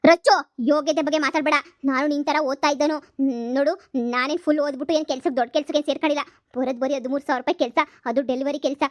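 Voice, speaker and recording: A woman voicing a stern, hard-up young husband who works as a delivery man, scolding fast in a cartoon comedy. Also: high voice, fairly even intonation, dry recording, close to an everyday voice. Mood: indignant. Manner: scolding, lecturing, fast and insistent.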